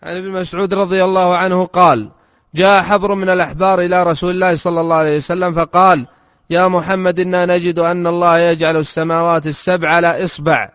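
A student with a high male voice reads a classical text aloud in a steady, formal recitation at a fast clip. His voice sounds close and dry, though the dull recording carries a long reverb tail.

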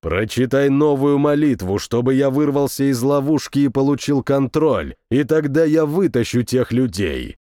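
A man's voice: mid-range voice, expressive, normal speed, hardly any pauses, mellow, no echo, studio quality, natural voice. A man voicing a sinister male spirit trapped inside the hero, speaking in a cold, tempting way for an audiobook. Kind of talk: audiobook character voice.

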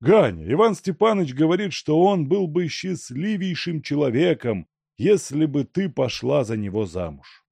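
A man playing a worried old merchant father who frets and pleads in a lively, gravelly voice, in a storybook reading. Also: on the high side, moderate pace, no echo, voice pushed up, exaggerated voice. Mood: exasperated. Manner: fretful, pleading.

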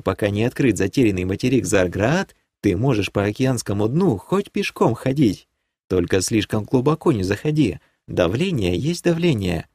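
A man voicing a haughty, scheming noblewoman who leads a clan in an audiobook; he raises his voice to play her, and she talks in a sweetly condescending way that turns sharp. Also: fairly low pitch, dry recording, studio quality. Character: haughty scheming female baroness, clan leader.

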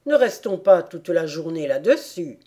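A woman voicing a bossy male griffin in a storybook reading, loud and scolding. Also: fairly low pitch, very animated, moderate pace.

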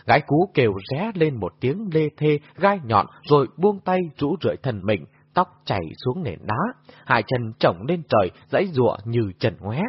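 A man's voice: mid-range voice, sing-song, moderate pace, slightly rough. A man narrating an audiobook in a vivid storytelling way, recorded in a muffled lo-fi way.

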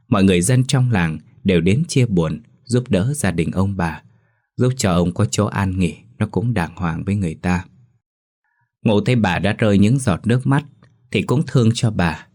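Deep guy reading a ghost story, steady and measured, low pitch. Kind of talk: scripted narration of a ghost story.

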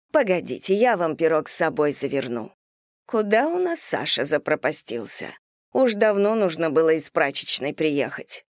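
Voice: mid-range voice, dry recording, studio quality, natural voice. A narrator doing a doting old housekeeper. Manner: fussy, doting, folksy. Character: fussing older housekeeper woman, hospitable.

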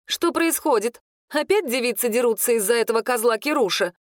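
A woman's voice: fairly high pitch, animated, brisk, no room sound, voice pushed up, close to an everyday voice. Woman doing a blunt sardonic kitchen woman, dry close sound, audiobook. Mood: grumbling. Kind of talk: audiobook character voice.

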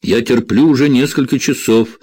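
A man's voice: medium pitch, steady tone, moderate pace, warm tone, no room sound, voice pushed up, natural voice. A man playing a weary, wry male hostage. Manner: tired, joking.

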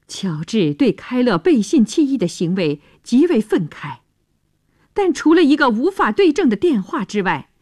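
A woman's voice: medium pitch, a little mellow, no echo. A woman telling a story on the radio, narrating expressively and dramatically in a studio.

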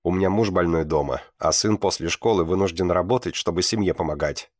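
A man voicing a quiet, weary middle-aged mother who pleads softly, in an audiobook reading. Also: low-pitched, fairly quick, no room sound, clean studio sound. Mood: pleading.

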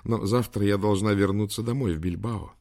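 A man's voice: lowish voice, steady tone, a little fast, darkish tone, lightly acted. A man reading the part of a young woman, a museum director, in an audiobook, sounding guarded and hesitant.

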